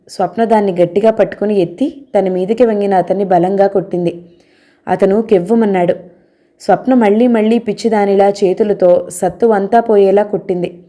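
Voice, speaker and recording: Mellow-voiced woman reading a novel. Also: medium pitch. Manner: steady, measured storytelling. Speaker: audio novel narrator. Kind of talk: scripted novel narration.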